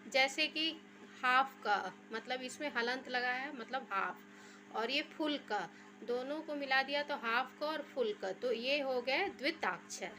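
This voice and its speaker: Female teacher, high-pitched, unhurried, repeats key terms while explaining. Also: sharp tone, soft background music. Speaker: Hindi grammar teacher. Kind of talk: slow classroom explanation.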